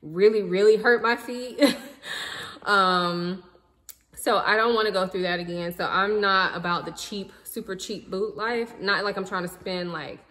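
This vlogger, a woman in her thirties, sits indoors in her living room talking to viewers about her purchases in an easygoing, chatty haul video, addressing them as "y'all." Her voice is medium in pitch and measured in pace, with a big-room sound.

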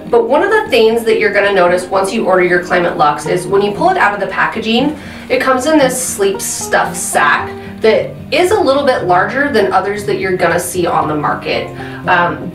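Chatty woman reviewing gear, roomy sound. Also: mid-range voice. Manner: chatty, frequent "um" fillers. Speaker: product reviewer. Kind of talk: casual product review. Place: indoor room at a desk. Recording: roomy and slightly distant.

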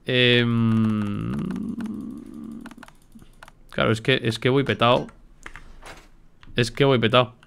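Swearing, excitable gameplay streamer man. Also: medium pitch, slow, gravelly, pauses often, slight background noise. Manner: excitable, swears a lot, talks to himself. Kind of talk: casual gameplay commentary.

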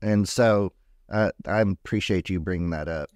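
Easygoing man with a lowish voice. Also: normal speed, darkish tone, no echo, studio quality. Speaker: YMCA representative. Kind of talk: casual chat.

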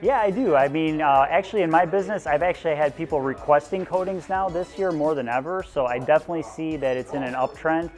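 A man's voice: on the high side, fast talker, few pauses, a little mellow. A young man from Illinois, a car detailing student, giving an eager on-camera interview answer on a lapel mic. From Illinois, USA. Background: background music.

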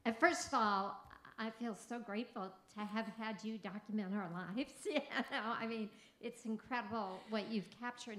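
A woman's voice: medium pitch, a bit bright. A woman from the audience asking a question, effusive and grateful in tone. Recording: echoey room.

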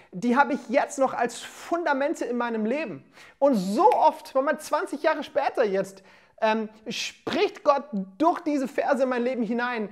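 Energetic woman preaching to online viewers. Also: on the high side. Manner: energetic, addressing listeners directly with "hey" and "come on". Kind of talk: livestreamed church sermon.

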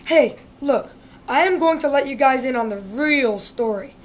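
A woman's voice: sits high, expressive, normal speed. A woman voicing a male big bad wolf in a comic radio play, telling his side of the story with indignant self-pity. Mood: aggrieved. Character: male big bad wolf, aggrieved smooth-talking hustler.

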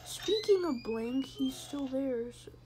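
A woman's voice: high-pitched, lively intonation, slow pace, dark tone, faint music behind. A woman playing a horror game and commenting in a jokey, rambling way, sometimes dropping to a whisper. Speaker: gamer. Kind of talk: let's play commentary.

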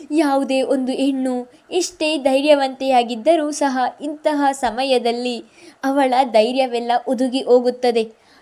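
Woman reads frightened young woman, tearful and pleading, higher mellow voice.

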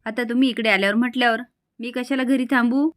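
A woman's voice: fairly high pitch, steady tone, fast talker, no echo, studio quality, close to an everyday voice. A woman voicing a sly young woman who speaks in a sugary, polite way in a storybook recap. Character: sly sweet-talking young woman, a niece.

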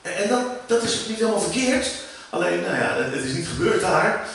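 A lively Dutch preacher and worship leader delivers a teaching sermon in a church hall, speaking a little fast with a male voice. He surges sharply in pitch and volume for emphasis and restarts often. The mic is far away in a very echoey room with faint background noise.

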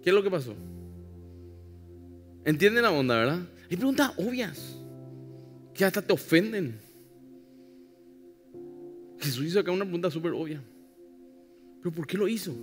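A man's voice: high voice, animated, moderate pace, long pauses. A male pastor preaching a sermon emphatically, with wry irony and asides to the congregation. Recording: live church hall with long reverb, faint music.

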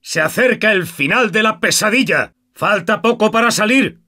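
A man voicing a gruff, sardonic older war veteran in a video game, swearing often. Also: mid-range voice, very animated, slow pace, a bit bright, heavily acted. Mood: urging. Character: gruff old male war veteran survivor. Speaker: game character.

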